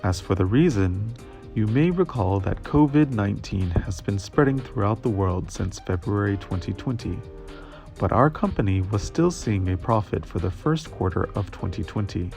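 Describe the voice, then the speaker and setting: A man reading a company's financial results aloud as an interpreter's translation voice-over, in a measured, formal delivery. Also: fairly low pitch, animated, creaky, a little mellow, faint music behind.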